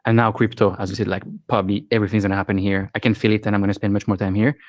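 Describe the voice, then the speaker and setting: Man from Switzerland, interview guest, fairly low voice, loose animated storytelling, dry sound. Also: very fast, no room sound. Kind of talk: casual interview talk.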